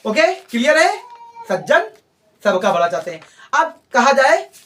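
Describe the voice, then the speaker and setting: A male teacher leads a grammar class and quizzes his students as he goes. His pitch swings up and down a lot. He sounds a little far from the mic. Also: big pitch swings, measured pace, a bit bright, slight background noise. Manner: coaxing, repeats points, quizzes students with mock answers.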